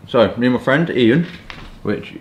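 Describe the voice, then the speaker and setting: A man's voice: medium pitch, expressive, a little slow, lo-fi sound. A man in his twenties with a southern English accent, chatting casually and rambling through hedging asides as a review vlogger. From southeast England. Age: 20s. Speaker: pipe and cigar review vlogger. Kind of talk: casual chat. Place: small furnished room at home, indoors. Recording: roomy echo, some background noise.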